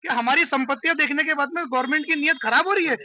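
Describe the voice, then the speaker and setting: High bright indignant man outside mosque. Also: racing. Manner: forceful, indignant. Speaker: worshipper interviewed. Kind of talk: street interview statement.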